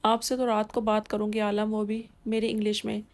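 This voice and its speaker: Naive young wife, sulky, indignant, woman reading her lines, flat steady voice. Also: mid-range voice, natural voice. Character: naive young wife, innocent and hot-tempered.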